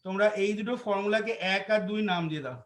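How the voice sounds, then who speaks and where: A man's voice: high-pitched, racing. A male maths teacher with a Bengali accent, dictating solution steps to a class and repeating phrases for note-taking. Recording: echoey classroom.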